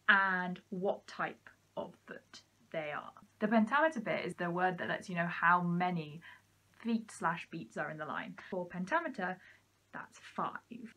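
A woman's voice: on the low side, a bit bright. A young woman giving a cheerful scripted lesson as a student society officer, with light jokes. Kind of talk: scripted educational talk.

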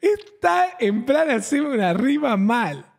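A man with an Argentine accent doing casual reaction commentary. He is excitable and emphatic, repeats phrases and swears freely. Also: very high voice, takes it slowly, creaky, in a large hall. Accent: Argentine Spanish. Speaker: streamer reacting to a clip.

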